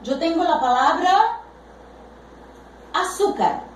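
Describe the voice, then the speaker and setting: A woman teaching a grammar lesson, speaking deliberately and stretching out the example words she stresses. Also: very high voice, lively intonation, slight background noise. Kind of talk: slow explanatory Spanish grammar lesson. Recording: echoey room, voice from a distance.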